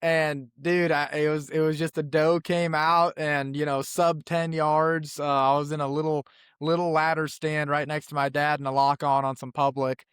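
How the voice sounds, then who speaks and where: Smooth-voiced podcast host. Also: male voice, on the high side, moderate pace, no room sound, studio quality. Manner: relaxed, earnest, repeats words as he thinks. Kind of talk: casual conversation.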